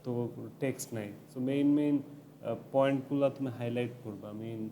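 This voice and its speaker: A man's voice: medium pitch, steady tone, fairly quick, very noisy. A man giving a casual IELTS tutoring lecture, mixing English tips into loose, chatty explanations with many fillers.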